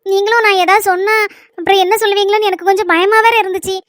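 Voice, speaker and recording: Brief: a woman playing a chattering young wife, Kanyakumari Tamil accent, very high and bright. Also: fairly even intonation, racing, no room sound, clean studio sound. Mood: hesitant. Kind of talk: cartoon voice acting.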